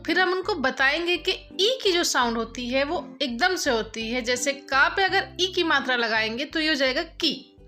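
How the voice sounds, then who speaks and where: A woman's voice: sits high, sharp tone. A woman teacher patiently explaining a lesson, drawing out the example sounds.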